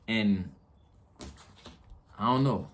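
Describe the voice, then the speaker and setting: A man's voice: on the low side, drawn-out words. A man venting casually to his viewers in an earnest, slangy way, repeating phrases for emphasis. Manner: candid, slangy, frequent check-in tags. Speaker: YouTube vlogger.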